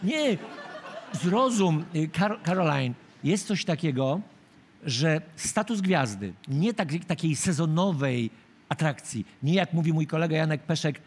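A man's voice: a little high, lively intonation, unhurried, a little hiss or hum. A middle-aged man hosting a late-night talk show, teasing and mocking his guest and laughing at his own jokes. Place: TV studio with live audience.

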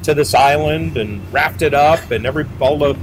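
A man's voice: on the high side, moderate pace, rough recording. A middle-aged man representing a boat maker, answering interview questions casually and rambling with many fillers and restarts, seated outdoors beside a boat. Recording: outdoor noise behind.

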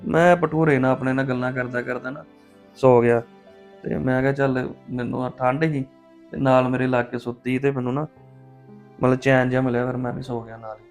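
A man with a gravelly, fry-edged voice plays a young father in a family drama, defensive and pleading, quick to flare up. Soft music plays faintly underneath. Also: medium pitch, level tone. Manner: defensive, pleading, hot-tempered. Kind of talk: scripted family drama acting.

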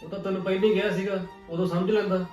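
A man playing a brisk advising brother-in-law. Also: high voice, little pitch movement, darkish tone, reverberant, recorded from a distance, soft background music, natural voice. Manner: fast, matter-of-fact advice.

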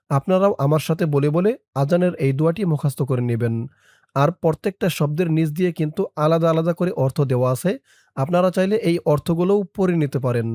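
A man teaching a prayer by chanting it word by word, then quickly explaining how to pronounce it. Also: a little high, warm tone, no echo, clean studio sound. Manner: slow drawn-out chanting of each word, quick plain explanations between. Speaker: religious teacher.

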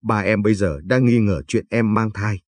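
A man's voice: fairly low pitch, normal speed, dry recording, lightly acted. A man reading the lines of a frightened, tearful young pregnant woman in a spoken story. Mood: pleading. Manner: pleading.

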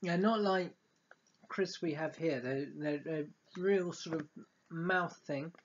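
A man's voice: a little high, slow. A middle-aged man chatting casually as he reviews snacks, in a hesitant, musing manner. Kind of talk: casual tasting chat. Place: living room, indoors. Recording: dull lo-fi webcam sound with noise.

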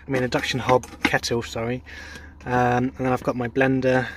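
A man's voice: mid-range voice, moderate pace, noisy background. A man giving a casual, rambling vlog walkthrough, filmed outdoors on a handheld phone. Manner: relaxed, rambling with many ums and restarts. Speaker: vlogger. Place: outdoors at a rural charging station and van.

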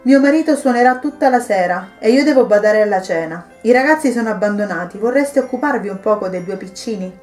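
A woman reading the lines of a kind, devout wife and mother who gently persuades a troubled guest to stay. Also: medium pitch, animated, a little fast, hardly any pauses, soft background music, lightly acted. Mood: gently persuasive. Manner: warm, patient pleading.

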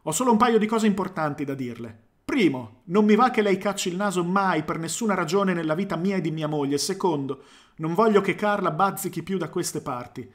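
A man's voice: sits high, fairly quick, lightly acted. A man voicing a domineering, sarcastic husband who bullies his neighbor. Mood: menacing. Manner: sarcastic, bullying.

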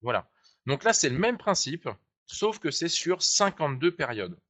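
A man's voice: on the high side, very animated, moderate pace, fairly bright tone. A man teaching a live webinar tutorial on trading charts, chatty and explanatory, asking viewers to click along. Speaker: trading software trainer. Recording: dull lo-fi sound.

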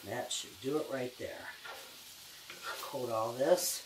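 A woman's voice: rumbling low, takes it slowly. Older woman chatting in an echoey kitchen. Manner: homespun, chatty, folksy kitchen talk. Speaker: home cook, cooking show host. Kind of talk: casual kitchen cooking demonstration. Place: home kitchen, indoors at the stove. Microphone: camera a few feet away. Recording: echoey kitchen, distant mic, background noise.

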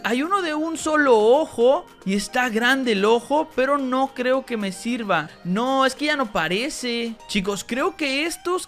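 A woman giving excitable let's-play commentary as a gaming YouTuber, talking straight to her viewers. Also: sits high.

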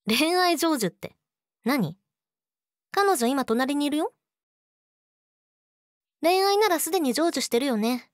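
A woman's voice: fairly high pitch, dry recording, clean studio sound. A woman playing a sweet but eerily obsessive, jealous young girlfriend in a teasing audio drama spoken to the listener. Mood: eerily sweet, probing. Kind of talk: Japanese situation voice audio drama, addressed to the listener.

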